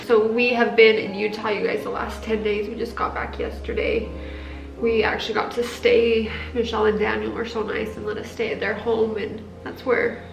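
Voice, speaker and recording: High, creaky-voiced woman, fairly even delivery. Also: moderate pace. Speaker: family vlog host. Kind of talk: heartfelt personal talk to viewers. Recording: roomy, slightly dull, music behind.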